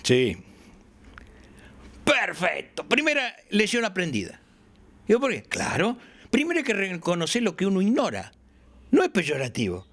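Lively older Argentine man, high voice. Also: moderate pace. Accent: Argentine Spanish. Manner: animated storyteller who acts out quoted dialogue. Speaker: aircraft builder interviewee. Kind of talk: casual interview in his workshop. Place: workshop.

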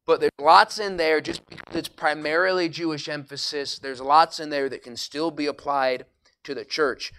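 High-voiced man teaching a Bible class. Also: steady tone, normal speed, fairly bright tone. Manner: conversational, emphatic, reads scripture aloud and paraphrases it in plain speech. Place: church classroom.

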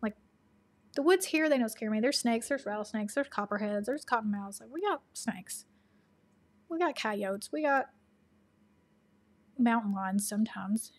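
A chatty woman with a Tennessee Southern accent hosts a casual livestream and answers viewer questions. She laughs often and slips into soft asides. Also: on the high side, animated, a little slow, long pauses. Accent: Southern American (Tennessee).

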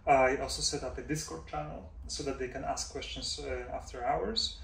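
A Danish-raised professor in his forties answers interview questions thoughtfully in an indoor office, using lots of fillers and "right?" checks. His medium-pitched voice is steady, gravelly, and fairly bright at normal speed, picked up by a distant camera mic with roomy echo and a faint hum.

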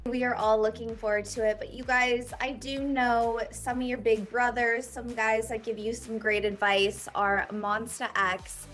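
A woman's voice: on the high side, flat delivery, a little slow, few pauses, a bit bright, soft background music. A young woman hosting a video-call interview with a band from a small room, gushing and upbeat. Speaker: host. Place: small indoor room, dark backdrop.

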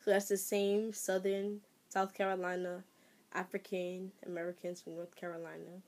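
A young woman vlogging casually, excitable and exclaiming as she thinks aloud while reading out results. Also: on the low side, normal speed. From Trinidad. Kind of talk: casual vlog, reacting to results.

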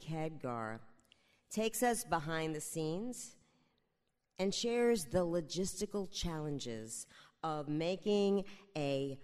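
A host introducing the next storyteller on a theater stage, unhurried with pauses. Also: medium pitch, clean tone. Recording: live theater hall reverb.

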